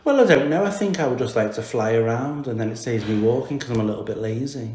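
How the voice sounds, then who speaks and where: A man's voice: mid-range voice, fast, a little mellow, slight background noise. Cheeky Merseyside man hosting a podcast. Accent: Merseyside English. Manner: cheeky, jokey and swearing. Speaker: podcast host. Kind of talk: casual interview chat. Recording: echoey room.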